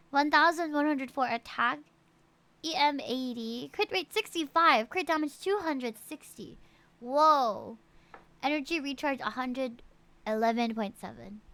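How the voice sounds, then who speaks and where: A high-pitched woman live-streams a game, reviewing players' characters and reading their stats aloud with animated energy. She chats casually with viewers, full of exclamations and asides.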